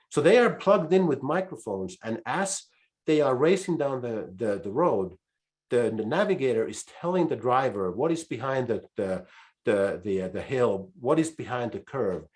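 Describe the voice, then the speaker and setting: Finnish-accented man with animated, halting delivery. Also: mid-range voice. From Finland. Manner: halting, frequent restarts and fillers. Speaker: conference speaker. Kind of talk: business presentation.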